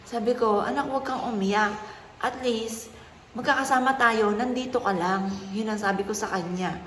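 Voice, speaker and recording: A woman, a mother telling a personal story in a soft, earnest, polite way. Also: a little high, moderate pace. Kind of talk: casual vlog talk. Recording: echoey room with faint noise.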